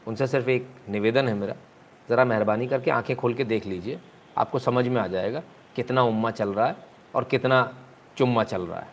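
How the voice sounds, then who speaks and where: Mocking, taunting male commentator. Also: medium pitch. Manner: mocking, rhetorical and taunting, with sudden loud jeers. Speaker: political commentator. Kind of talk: heated political commentary.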